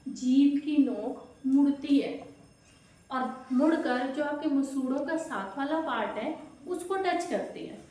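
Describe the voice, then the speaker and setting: A woman teaching an exam-prep grammar lesson, explaining slowly and asking and answering her own questions. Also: high voice, dark tone. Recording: very echoey room, distant mic.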